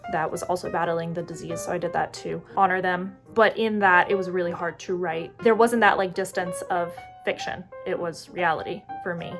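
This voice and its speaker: A woman with an American accent, an indie author chatting casually to camera in a rambling, self-correcting way. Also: medium pitch. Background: background music.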